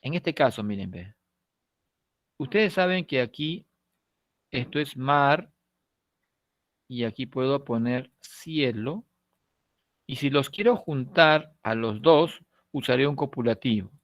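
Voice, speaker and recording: A man's voice: medium pitch, lively intonation, no echo. Peruvian man teaching, dry close sound. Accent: Peruvian Spanish. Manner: explanatory, checks in with frequent tag questions; stretches key words slowly, trails off softly at phrase ends. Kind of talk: recorded online class lecture.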